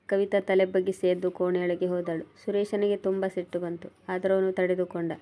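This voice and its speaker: A woman narrating a moral storybook tale in a steady, even read-aloud manner. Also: lowish voice, fairly quick.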